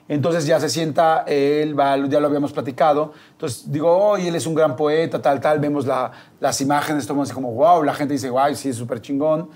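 A man's voice: a little high, a little fast, hardly any pauses. A man with a Mexican accent telling an anecdote as a guest in casual chat, acting out the quotes. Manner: animated, acts out quotes. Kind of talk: casual storytelling.

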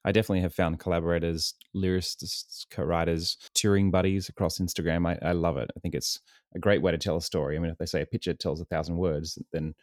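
An Australian man in his late thirties, his accent worn slightly toward American, talks earnestly and reflectively as a podcast guest. His voice sits very low. The recording is close and dry. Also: level tone, fast talker, no echo. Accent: Australian, softened toward American. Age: 30s. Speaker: guest singer-songwriter. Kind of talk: casual interview chat.

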